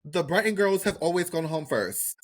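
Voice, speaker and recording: Co-hosting a laid-back TV recap podcast, this man talks in an emphatic, slangy way, swearing freely and repeating phrases. His voice sits high and sounds animated, moving at a moderate pace.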